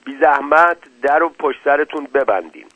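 A man doing a brisk, obliging son. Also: fairly high pitch, lively intonation, no room sound, pitched above the performer's own voice. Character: eager, deferential young man, her son. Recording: dull lo-fi dry recording.

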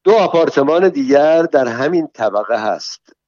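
A man narrating a first-person story as an audiobook, in a calm, measured and plain manner. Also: on the high side, no room sound, highs cut off.

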